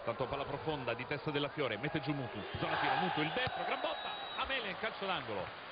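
A man giving breathless, excited Italian goal commentary on football highlights, urgent as each attack builds. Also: quick pace, very noisy. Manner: breathless, urgent build-ups rising to shouted goal calls. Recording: dull lo-fi broadcast audio, loud stadium crowd. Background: roaring football stadium crowd.

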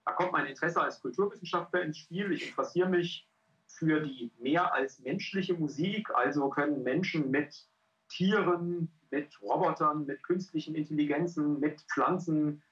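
A middle-aged man presenting a research project over a video call, halting and full of filler sounds. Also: a little high, a bit bright. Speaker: cultural scientist and pianist presenting a research project. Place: indoor room. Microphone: headset on a video call. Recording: dull lo-fi call audio.

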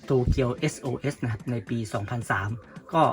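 A man hosting a casual toy review vlog, talking in a relaxed, chatty way. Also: medium pitch, a little fast, faint music behind. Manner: relaxed, chatty, polite particles.

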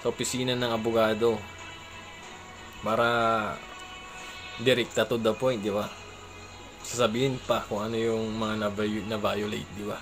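A man's voice: lowish voice, level tone, normal speed, pauses often, music in the background. A man in casual advice chat, talking conversationally and often asking his listeners for agreement. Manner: chuckles between remarks. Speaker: vlogger giving advice.

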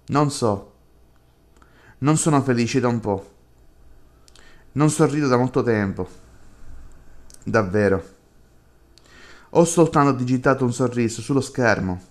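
A lonely young woman who has withdrawn from the world, as a man reads her lines in a slow, unhurried, subdued voice. The delivery stays flat and quiet, the way a game's dialogue is read aloud. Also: mid-range voice, lightly acted.

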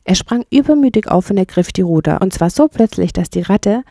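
A woman calmly narrating a children's bedtime story. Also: mid-range voice, fairly quick, no echo, studio quality. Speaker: audiobook narrator.

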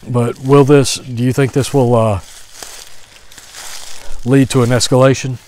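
A man in his forties walking outdoors through woods, thinking out loud in a hesitant commentary with many restarts, recorded on a phone held at arm's length. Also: medium pitch, flat delivery, measured pace. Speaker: vlogger. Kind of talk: walk-and-talk commentary.

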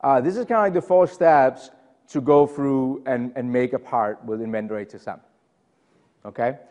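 A man's voice: mid-range voice, normal speed, darkish tone, big-room sound, highs cut off. A middle-aged man from Denmark with a Danish accent, presenting a technical session in a casual, chatty way full of fillers and self-deprecating asides. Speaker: conference presenter. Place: conference room.

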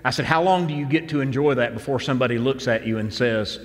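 Earnest pastor preaching in a reverberant hall. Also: male voice, medium pitch, quick pace. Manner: earnest, conversational preaching with repeated phrases. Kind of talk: sermon. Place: church stage with instruments.

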